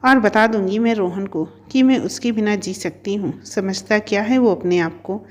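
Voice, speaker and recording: Woman narrator plays proud, stubborn young wife in a storybook; sharp, demanding, average pitch. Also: moderate pace, natural voice. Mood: furious.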